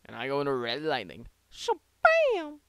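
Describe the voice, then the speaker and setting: A man's voice: mid-range voice, unhurried, smooth, dry recording. A man giving casual, rambling play-by-play of his own online battle, with joking asides, close to a desk microphone. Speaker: league player.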